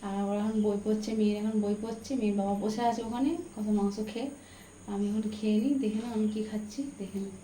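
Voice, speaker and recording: Showing viewers her groceries and cooking, a woman vlogs casually from her home kitchen, addressing her audience as friends. She talks fast in a steady, medium-pitched voice, and the rough recording carries loud home background noise.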